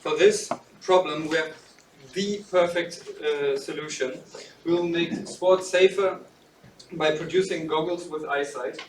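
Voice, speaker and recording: A young man presenting a product, speaking deliberately with pauses between phrases. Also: fairly high pitch, a little hiss or hum. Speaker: student presenter. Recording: echoey room, distant mic.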